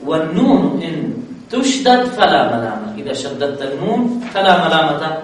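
A man's voice: fairly high pitch, sing-song, moderate pace. A man teaching an Arabic grammar lesson, questioning his students and reciting verses. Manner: asks students questions and answers them; recites verses and Quranic readings. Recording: echoey room, distant mic, faint noise.

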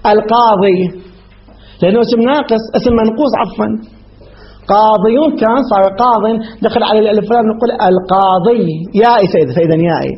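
A man's voice: high-pitched, fast. A man lecturing a class on grammar, repeating points and asking checking questions. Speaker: grammar teacher. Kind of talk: classroom lecture explaining a text. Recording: dull lo-fi recording with faint background hiss.

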